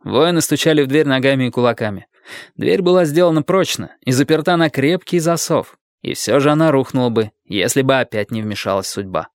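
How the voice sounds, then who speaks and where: A man narrating an audiobook in a steady, even storytelling manner, close to the microphone. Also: medium pitch, a little fast, no echo. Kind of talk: scripted narration.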